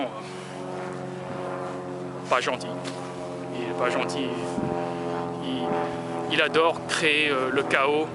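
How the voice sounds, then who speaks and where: A man from France vlogging as he walks outdoors, talking in a rambling, hesitant way full of filler sounds. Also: mid-range voice. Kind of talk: casual walking monologue. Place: outdoors in a town, walking in the sun. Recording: noisy outdoor street recording.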